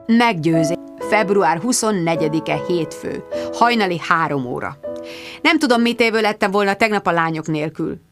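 A woman narrating a first-person novel as an audiobook, in a lively, expressive reading. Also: on the low side, over music.

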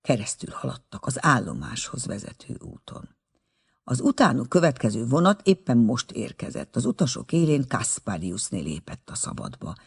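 A man narrating an audiobook with expressive storytelling. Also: mid-range voice, creaky, breathy edge.

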